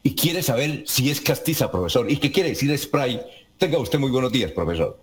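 A man's voice: medium pitch, lively intonation, normal speed. A man hosting a morning radio show who gives the time and reads out listener questions. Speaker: radio host.

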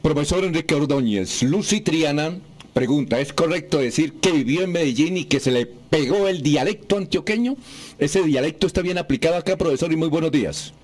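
A man hosting a morning radio show, giving the time and briskly reading listener questions to a guest. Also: fairly high pitch, animated. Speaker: radio host. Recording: radio broadcast.

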